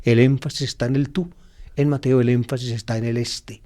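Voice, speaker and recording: Priest with a dark, mellow voice. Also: male voice, medium pitch, steady tone. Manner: teacherly, explains slowly with many fillers and restarts. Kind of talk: gospel reflection sermon.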